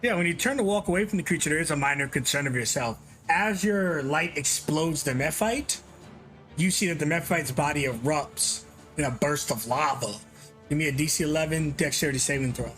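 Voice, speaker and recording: A man's voice: on the high side, a little fast, a bit bright, soft background music. Upbeat man running a tabletop game. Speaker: game master.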